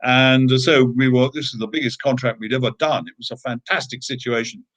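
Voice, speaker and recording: A man's voice: mid-range voice, a little fast, fairly bright tone. Hesitant, emphatic British man telling a story. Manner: emphatic, hesitant with fillers and restarts. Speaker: interview guest. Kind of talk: conversational storytelling.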